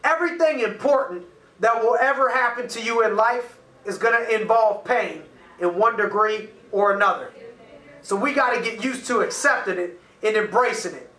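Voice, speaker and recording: A man's voice: high-pitched, moderate pace, pushed and bright, distant mic. A man in his thirties, a motivational coach and host, speaking to camera with emphatic energy and busy hand gestures in a small office. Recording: echoey room, voice a little off-mic.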